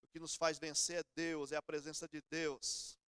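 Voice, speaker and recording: High-voiced Brazilian pastor preaching. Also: male voice, level tone, normal speed, fairly bright tone, smooth, no room sound, studio quality. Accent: Brazilian Portuguese. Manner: conversational storytelling preaching. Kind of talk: sermon. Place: church.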